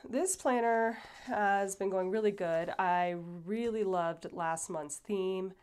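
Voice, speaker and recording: A woman hosting a casual planner flip-through, chatty and rambling with many fillers, sounding a little stuffy and breathy. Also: lowish voice, a little mellow. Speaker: planner channel host.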